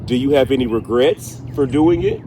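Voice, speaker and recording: A man hosting a paranormal session, speaking deliberately with pauses as he puts direct questions to an unseen spirit. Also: medium pitch, lively intonation, background noise. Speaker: paranormal investigator, host. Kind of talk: slow spoken questioning in a spirit box session.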